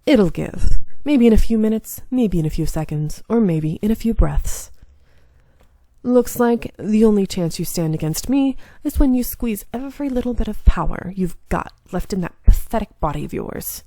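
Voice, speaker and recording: Woman voicing a sneering demon lord, menacing, mellow tone, dry sound. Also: mid-range voice, animated, normal speed, dry recording. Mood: taunting. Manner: taunting, menacing.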